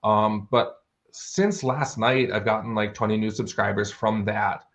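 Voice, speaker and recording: A fantasy author appearing as an interview guest chats casually, explaining things in an informal, conversational way. His voice is lowish and fairly bright, a little slow.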